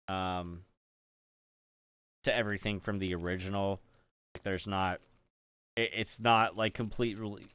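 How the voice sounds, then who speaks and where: A man's voice: on the low side, fairly bright tone, clean tone, no room sound. A man streaming, chatting casually with viewers while he builds. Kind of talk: casual live-stream chat.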